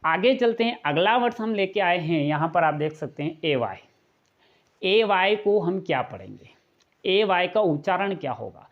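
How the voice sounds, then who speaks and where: A man's voice: high voice, animated, moderate pace. Patient male teacher, lo-fi lesson. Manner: repeats each point and asks rhetorical questions; patient, step-by-step explaining. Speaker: English pronunciation teacher. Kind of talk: classroom-style video lesson.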